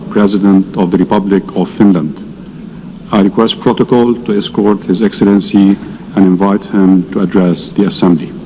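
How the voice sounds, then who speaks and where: A man reads out formal procedural announcements in crisp, ceremonial phrasing. His voice is low and mellow, with a faint ambience behind it. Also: a little hiss or hum, low-quality recording. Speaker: presiding officer.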